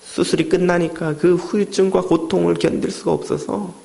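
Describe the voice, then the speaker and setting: Male pastor, middle-aged, dramatic storyteller in the pulpit, raspy fry in a higher-than-usual voice. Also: flat delivery, moderate pace, darkish tone. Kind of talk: sermon.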